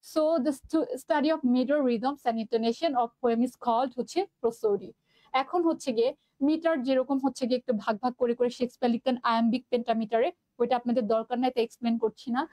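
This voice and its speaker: Woman teacher with a Bangladeshi Bengali accent, high voice, dry close sound, chatty live-class delivery. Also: fairly even intonation, moderate pace, warm tone, no room sound. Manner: chatty, mixes English terms, reads out student comments.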